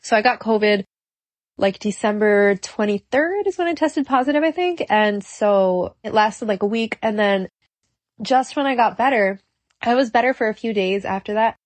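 A woman hosts a solo podcast, talking earnestly and upbeat at a moderate pace with lots of fillers. A cold has left her voice congested and stuffy, though her mid-pitched delivery stays animated. The recording has no room sound.

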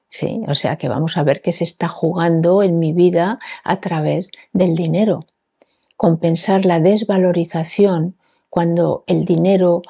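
A woman hosting a reflective spiritual talk, speaking gently with many fillers and checking in with questions like "sí?". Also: lowish voice, creaky, husky. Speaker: host.

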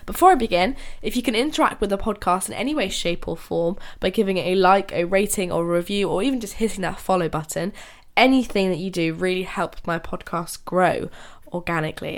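A young woman runs her own podcast and chats casually on her own, her voice nasal from being sick. She talks fairly quickly in a lowish register, laughing a lot and often starting sentences over.

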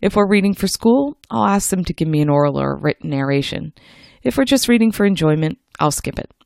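A woman hosting a scripted how-to podcast, speaking in a clear, structured, instructional way. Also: lowish voice, expressive, fairly quick, darkish tone, no room sound, clean studio sound. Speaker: podcast host.

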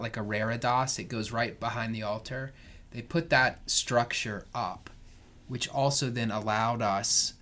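A man's voice: mid-range voice, fairly bright tone. A man with an American accent chatting casually as a podcast co-host. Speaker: podcast co-host, church staff. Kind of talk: casual co-hosted podcast chat.

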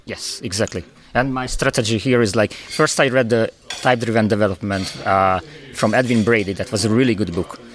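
A man from Hungary, a native Hungarian speaker, answering interview questions in a low, careful voice. He speaks plainly, with small slips in grammar. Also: steady tone, a little fast, slight background noise. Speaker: conference speaker, guest.

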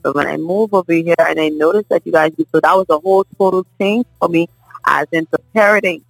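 A middle-aged woman from the Bahamas with a Bahamian accent, a guest in a casual table conversation, telling stories in a lively way and often asking "you understand?". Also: lowish voice, fast talker, vocal fry, dry recording, soft background music, rough recording. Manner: animated storyteller, often asks "you understand?".

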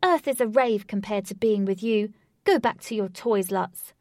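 A woman's voice: medium pitch, normal speed, warm tone, dry recording, studio quality, lightly acted. A woman voicing a defiant, brave young girl heroine in a storybook reading. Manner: defiant, spirited, raised voice.

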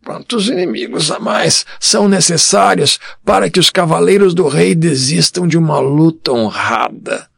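A man voicing a frail old male blacksmith who speaks slowly, breathily and like a teacher. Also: on the high side, lively intonation, a bit bright, no room sound, pitched above the performer's own voice, exaggerated voice. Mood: disapproving. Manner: slow, breathy and professorial.

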